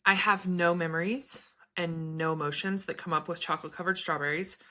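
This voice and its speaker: A woman in her thirties talks casually to her viewers, wandering from thought to thought with small laughs. Her voice sits a little low but sounds bright and forward, with a crisp edge. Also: fairly even intonation, brisk. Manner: chatty, meandering, laughs between thoughts. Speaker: spiritual vlogger and business coach. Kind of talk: casual chat to camera.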